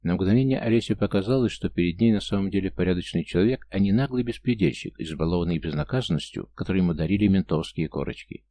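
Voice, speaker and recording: Low, dark-voiced male narrator. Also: quick pace, hardly any pauses, dry recording. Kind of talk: scripted audiobook narration.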